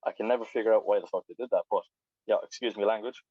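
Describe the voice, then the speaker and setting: Low-voiced man on a muffled call. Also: racing, slightly rough, no echo. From Ireland. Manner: rambling, swears then apologizes. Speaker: biker guest on a video call. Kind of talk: casual chat. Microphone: video call. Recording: dull lo-fi video call audio.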